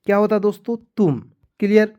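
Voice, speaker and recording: A man's voice: sits high, fairly quick, dark tone, clean tone, highs cut off. A man giving a spoken lesson for beginners, asking questions and answering them himself while spelling words letter by letter. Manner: patient, repetitive explaining. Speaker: English teacher.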